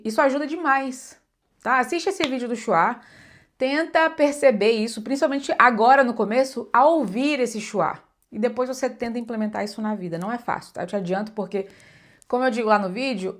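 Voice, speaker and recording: A woman's voice: fairly high pitch, fairly bright tone. A young woman from Brazil gives a casual lesson on English pronunciation, chatting in a loose way, correcting herself mid-sentence and modeling English words.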